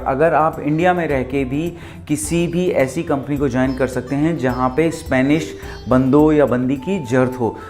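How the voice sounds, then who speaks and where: Male language teacher, casual classroom delivery, stretches out each vocab word and spells it aloud, faint music underneath. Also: fairly high pitch. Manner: slow, drawn-out repetition of foreign words; spells words out letter by letter. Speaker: Spanish teacher. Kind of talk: beginner language lesson at a whiteboard.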